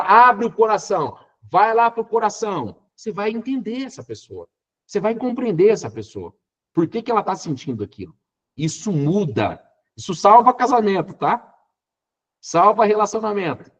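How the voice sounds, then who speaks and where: A man giving a motivational Enneagram lecture, stressing his points and putting rhetorical questions to the audience. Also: high voice. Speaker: Enneagram teacher.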